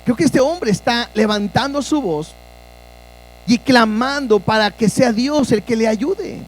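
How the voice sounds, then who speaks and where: A man's voice: very high-pitched, expressive, unhurried, low-quality recording. A man preaching a sermon as pastor, earnest and asking his listeners direct questions.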